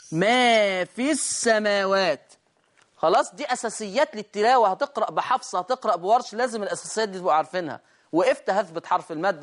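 A man with an Egyptian accent teaching the basics of Quran recitation in a lesson. He explains step by step and often asks whether his listeners follow. He stretches out verses in a slow chant to show each rule. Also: high-pitched, a bit bright. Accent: Egyptian Arabic. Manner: repeatedly asks "right?" to check understanding. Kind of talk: online tajweed lesson.

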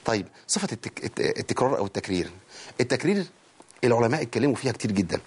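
This recitation lecture comes from a man with an Egyptian Arabic accent and a husky, mid-range voice, delivered rapid-fire and very animated. He teaches the rules of Quran recitation, often answering his own questions and demonstrating the sounds as he goes.

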